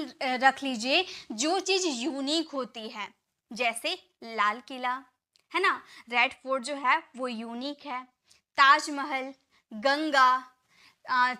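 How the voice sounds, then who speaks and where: A woman's voice: high-pitched, pushed and bright, no room sound. A woman English teacher from India explaining a lesson step by step, asking questions and answering them herself. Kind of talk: classroom-style explanation.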